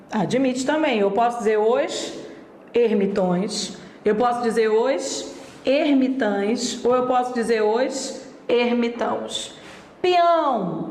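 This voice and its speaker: A woman teaching a grammar lesson. She draws out each example word slowly and hurries through her asides about exams. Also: a little high, echoey room. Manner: slow, deliberate, drawing out each example word; speeds up for asides and exam tips.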